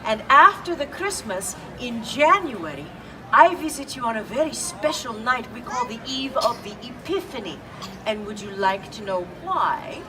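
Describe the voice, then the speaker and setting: Still in character as the gift-bringing Italian witch, the woman speaks in a slightly high, everyday-sounding voice with lively intonation and a moderate pace. She quizzes the children playfully in her fake accent while telling the tale. Background noise, distance and crowd sounds fill this outdoor city recording.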